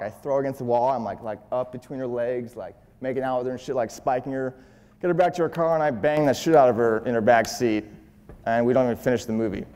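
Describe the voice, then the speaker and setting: Blunt, profane man with a dark voice. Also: medium pitch, clean tone, in a large hall. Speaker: dating coach. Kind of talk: casual seminar talk.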